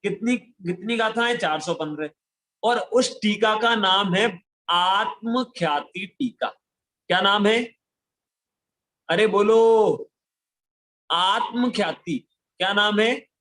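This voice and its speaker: A man with a fairly high voice leads a children's scripture class. He quizzes pupils one by one by name and urges them to answer out loud. He mixes English words and numbers into his explanations. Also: a little slow. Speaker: religious teacher for children.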